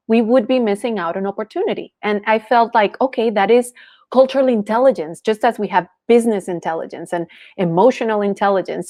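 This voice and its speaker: A woman's voice: medium pitch, a little mellow, no room sound. A woman from Colombia who learned English as a teenager, speaking as an interview guest in an earnest, articulate, businesslike way. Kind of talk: interview conversation.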